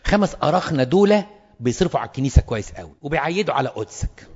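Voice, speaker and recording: A man's voice: fairly high pitch, sing-song, very fast, darkish tone, slightly rough, long reverb tail, lo-fi sound. A man with an Egyptian Arabic accent gives a pastoral lecture to fellow priests and stresses points by repeating words. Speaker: clergyman teaching priests.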